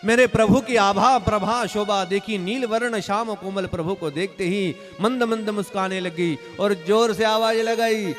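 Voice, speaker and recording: A man's voice: sits high, moderate pace, hardly any pauses, faint music behind. A man from Maharashtra, a Marathi native speaker, telling a devotional story as a sermon and acting out village characters in dialect voices. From Maharashtra, India. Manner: urges the audience to call out loudly. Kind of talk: Bhagavat katha sermon storytelling.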